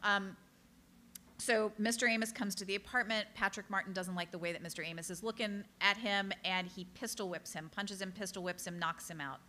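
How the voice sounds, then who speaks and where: Bright-voiced woman giving an author talk. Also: mid-range voice, steady tone. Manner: earnest, direct storytelling with quick apologetic asides. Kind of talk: public talk to a live audience.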